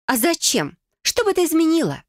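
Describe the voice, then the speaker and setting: A woman's voice: very high voice, huge pitch swings, brisk, dry recording, studio quality, pitched above the performer's own voice, heavily acted. A woman voicing a haughty, mocking young woman who taunts her cousin in an audiobook. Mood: bitter. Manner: taunting, smug.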